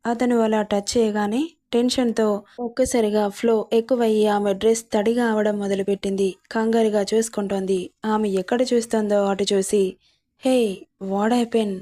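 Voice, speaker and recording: A woman narrating a serialized romance story in a steady, unhurried reading. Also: medium pitch.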